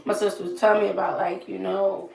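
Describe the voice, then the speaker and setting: A young woman vlogger chats in a strained, throaty voice with plenty of creak. She rambles casually and interrupts herself as she goes. The small room adds echo, with light noise behind her. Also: medium pitch, little pitch movement, quick pace. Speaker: makeup vlogger. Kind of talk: casual chatty get-ready-with-me.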